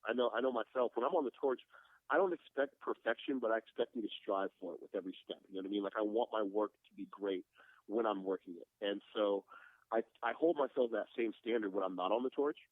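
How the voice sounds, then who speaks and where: A man in his late thirties speaks quickly and earnestly as a guest glassblower. He reflects aloud and sprinkles his talk with "man" and "you know". His voice comes through a tinny, phone-like line that sounds close and dry. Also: fairly low pitch, no room sound. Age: 30s. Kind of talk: casual podcast conversation.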